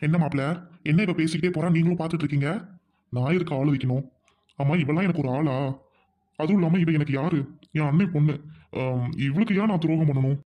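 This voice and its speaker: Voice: mid-range voice, quick pace, pauses often, dark tone, close to an everyday voice. Brief: performer voicing greedy middle-aged uncle, scornful and blustering, amateur skit.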